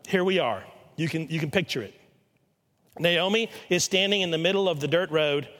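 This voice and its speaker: A man preaching a sermon, retelling a scripture story dramatically with pauses and emphasis. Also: high voice, fairly bright tone, in a large hall. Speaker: pastor.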